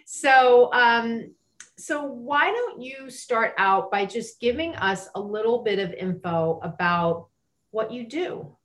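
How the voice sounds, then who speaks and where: A woman's voice: on the high side, lively intonation, slow, fairly bright tone. A woman hosting a podcast interview, talking in an enthusiastic, chatty way with fillers and restarts. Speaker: podcast host. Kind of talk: casual interview chat.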